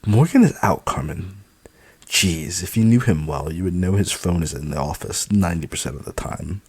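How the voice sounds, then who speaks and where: A man's voice: low voice, animated, moderate pace, darkish tone, husky, dry recording, exaggerated voice. A man voicing a snobby, condescending young heiress who talks in a patronizing, clipped way. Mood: snobby, snappish.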